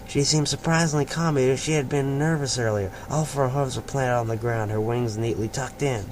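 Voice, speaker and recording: On a noisy amateur home recording, a man who reads and hosts fan fiction goes through a story casually, tossing in asides. He speaks fairly quickly at a medium pitch, now and then tripping over words and saying them again.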